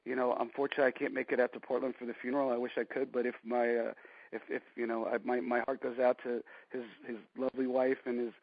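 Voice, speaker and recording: Fast-talking man in his forties, rambling. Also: medium pitch, level tone, no echo. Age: 40s. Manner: rambling storyteller, many "you know" fillers. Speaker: interview guest. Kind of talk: casual phone interview. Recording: dry, dull lo-fi line.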